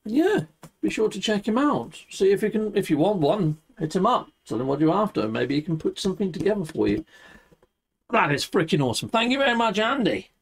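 Man, middle-aged, gaming host, high voice, very lively intonation, exuberant casual chat, playful catchphrases. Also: a little fast, slightly rough. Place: indoor home streaming setup, seated.

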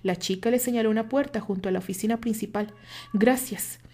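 A woman's voice: on the high side, steady tone, fast talker, warm tone. A woman narrating fan fiction in a dramatic storytelling style. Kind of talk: expressive fan-fiction audiobook reading.

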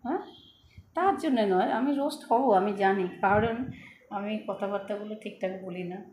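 A middle-aged woman vlogging at home into her phone. She speaks with a soft, slightly lisping, childlike manner and takes her time over words to say them clearly. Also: medium pitch, expressive, fairly quick, roomy sound, a little hiss or hum. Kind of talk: casual chat to viewers. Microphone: phone camera.

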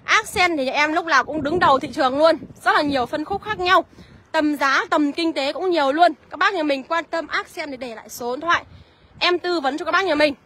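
A woman selling used cars on a live walkaround, listing prices briskly and calling out to viewers by name. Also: high-pitched, fairly bright tone. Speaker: used car seller.

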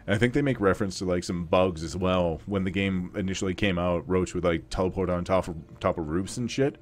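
A man's voice: low-pitched, a little fast. A young man casually commenting on a video game as he plays, chatty and rambling, laughing and swearing often. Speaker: let's play host.

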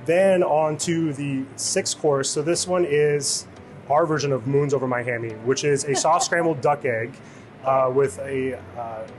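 A man's voice: mid-range voice, unhurried, darkish tone, soft background music. A middle-aged man from Illinois, a chef, casually walking through his dishes with many fillers, on a lapel mic in a restaurant kitchen. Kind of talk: interview, describing dishes.

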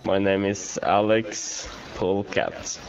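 A man with a fairly low voice talks slowly and casually while role-playing in an online game. There is faint noise in his voice chat. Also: flat delivery, vocal fry, highs cut off. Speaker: online role-play player.

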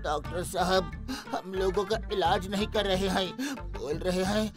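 A performer voicing an excitable cartoon townsman who complains loudly to a doctor. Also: mid-range voice, measured pace, natural voice. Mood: complaining. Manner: complaining, exclaiming. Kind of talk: cartoon voice acting. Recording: voice over background music.

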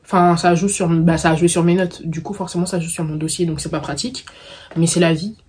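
Lowish, darkish and slightly rough, her voice holds a steady tone at a slightly quick pace. She's a vlogger in her early twenties from the Paris suburbs, of Congolese descent, casually answering viewer questions in slangy French peppered with English catchphrases, her suburban accent clear.

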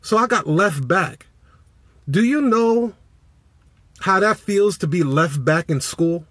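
Sitting in his parked car with his phone held at arm's length, a Chicago business coach live-streams a motivational message. He's animated and preachy, calling out viewers by name, and speaks slowly in a high voice. The recording sounds dry.

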